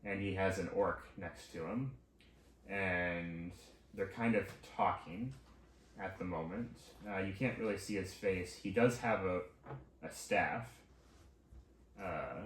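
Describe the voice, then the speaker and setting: A man narrating as game master in a slow, halting way with many pauses and fillers. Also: low-pitched. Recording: roomy, distant mic with faint hiss.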